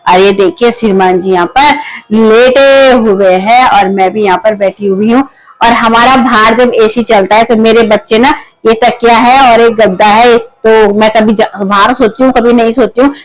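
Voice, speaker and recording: A woman in her thirties from Uttarakhand, India, vlogs her day at home and in the kitchen, chatting loudly and explaining that she always talks loudly. She feels unwell and tired, and her fairly high voice stays fairly even at a normal speed. The rough recording comes through a clip-on mic at times, then just the phone camera, across small home rooms and the kitchen.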